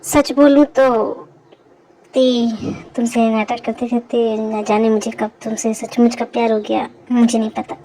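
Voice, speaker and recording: A woman voicing a gentle, remorseful young man in a fan dub drama, talking in a soft, hesitant, pleading way. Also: fairly high pitch, flat delivery, measured pace, slight background noise, rough recording. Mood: confessing.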